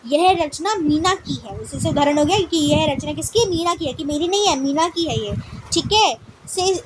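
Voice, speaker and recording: A woman teacher giving a grammar lesson who keeps asking "okay, friends?" and mixes English words into her talk. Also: sits high. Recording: noisy recording.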